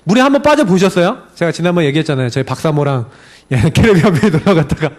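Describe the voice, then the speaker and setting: A middle-aged man, a pastor, preaching a sermon with animated storytelling, often laughing as he tells it. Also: a little high, fast talker.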